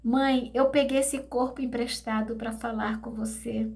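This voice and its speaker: A woman's voice: fairly high pitch, steady tone, measured pace, creaky, darkish tone. A woman voicing a dead daughter's tender spirit. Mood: pleading.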